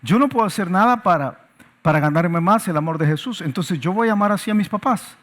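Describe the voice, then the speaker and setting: A man's voice: high voice, animated, brisk, a bit bright. A male pastor preaching a sermon with emphatic repetitions and rhetorical questions.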